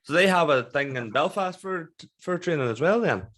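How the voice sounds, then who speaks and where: A man's voice: fairly high pitch, animated, moderate pace, a bit bright. A young man with a Northern Irish accent hosting an informal, sweary podcast interview into a close mic. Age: young adult. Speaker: podcast host. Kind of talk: casual interview chat. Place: small room at home, on a video call. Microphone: close desk microphone with headset.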